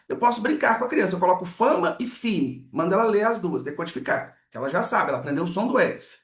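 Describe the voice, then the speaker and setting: A man's voice: high-pitched, a bit bright. A man, teaching how letters map to sounds. He often asks "né" and acts out each sound. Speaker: literacy teacher. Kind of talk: explanatory lesson with sound demonstrations. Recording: echoey room.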